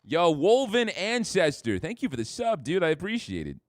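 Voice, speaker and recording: Hyped up gamer dude streaming, bouncy lively voice, kinda high. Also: male voice, moderate pace, no room sound. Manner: excitable, jokey trash talk. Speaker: game streamer. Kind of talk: live gameplay commentary.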